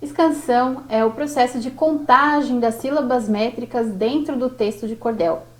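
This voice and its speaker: A Brazilian Portuguese-speaking woman teaching a workshop lesson on verse, slow and didactic, drawing out each syllable. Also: fairly high pitch.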